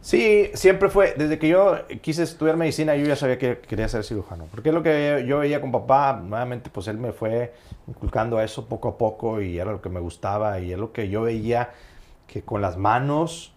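A middle-aged man, a surgeon guest telling childhood stories in a relaxed, rambling way with many fillers. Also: mid-range voice, moderate pace. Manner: rambling storyteller with frequent fillers. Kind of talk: casual podcast interview.

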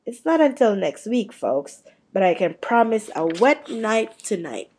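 A woman's voice: mid-range voice, big pitch swings, measured pace, darkish tone, husky. A woman voicing a chatty male TV weatherman in a storybook, speaking in a breezy, lifted way.

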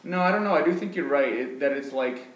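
A man's voice: on the high side, lively intonation, fairly quick, recorded from a distance. A man co-hosting a podcast in casual chat, hesitant and rambling with restarts. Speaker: podcast co-host. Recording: echoey room, faint background noise.

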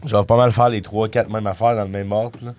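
A man's voice: lowish voice, flat delivery, fast, darkish tone. A man from Quebec City with a Quebec French accent, a comedian guest joking in casual podcast chat and mixing in English phrases. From Quebec City, Canada. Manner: joking, self-deprecating, sprinkles English phrases.

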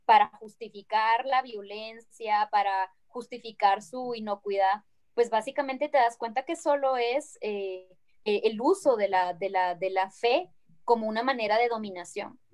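A woman's voice: fairly high pitch, normal speed, darkish tone. A woman with a Guatemalan Spanish accent, a guest speaking earnestly and reflectively in an interview, often tagging her phrases with a questioning "no". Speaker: guest activist. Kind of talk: conversational interview.

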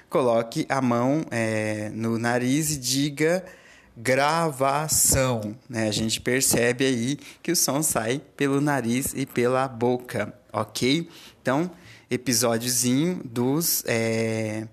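A teacher with a Brazilian Portuguese accent gives a recorded grammar lesson, explaining patiently and often checking in with the students. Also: mid-range voice.

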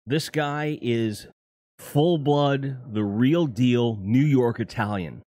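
A man's voice: mid-range voice, slow, warm tone, no echo. A middle-aged man hosting his own livestream in a casual chat. He talks to viewers in a profane, rambling way and corrects himself often. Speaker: livestream host.

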